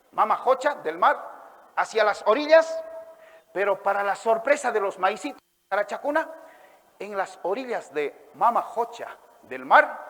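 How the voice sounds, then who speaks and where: High-voiced man telling a folk tale. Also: long reverb tail. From Ayacucho, Peru. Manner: lively, drawn-out calls and sound effects, prompts the audience to repeat. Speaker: storyteller. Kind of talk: oral storytelling to a live audience.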